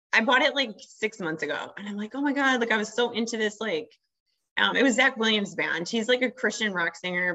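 A woman's voice: medium pitch, pushed and bright, muffled recording. A woman speaking as a podcast guest in casual, informal chat, often saying "like". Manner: informal, peppered with "like".

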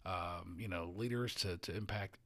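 A man's voice: low voice, moderate pace, fairly bright tone. Earnest, stumbling male pastor. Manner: earnest, often repeats and restarts words. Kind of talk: casual podcast conversation.

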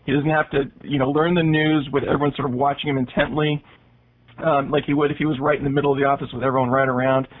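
A man's voice: mid-range voice, level tone, quick pace. A man co-hosting a podcast, giving his opinions on a TV show in casual conversation. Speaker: podcast co-host. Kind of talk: casual TV episode discussion. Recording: thin, phone-like audio.

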